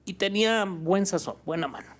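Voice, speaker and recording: A man with a Mexican accent, a guest on an interview show, telling a family story in a relaxed way, with many fillers like "este" and "pues". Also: high voice, a little fast. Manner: relaxed, fills with "este" and "pues", ends phrases with "¿no?". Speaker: guest, birria restaurant owner.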